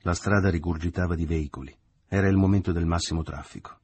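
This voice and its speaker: A man reading a novel aloud as audiobook narrator, in a measured, steady literary narration. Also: low voice, breathy edge. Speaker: audiobook reader.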